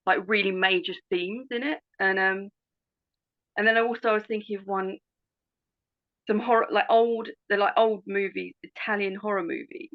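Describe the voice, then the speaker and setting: A woman's voice: mid-range voice, steady tone, normal speed. A woman talking casually on a group call, hesitant and rambling with many fillers. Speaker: call participant. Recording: lo-fi online call audio.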